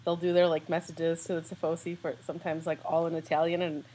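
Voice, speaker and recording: A woman's voice: low voice, flat delivery, fast talker, dark tone, slight background noise. A young American woman co-hosting a podcast, chatting casually and rambling with lots of fillers. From United States. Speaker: podcast co-host. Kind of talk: casual chat.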